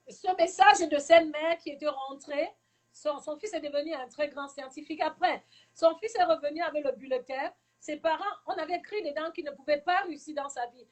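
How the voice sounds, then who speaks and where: A woman's voice: high voice, darkish tone. A woman from Cameroon, a teacher, giving earnest advice to parents in a live talk and repeating her key points for emphasis.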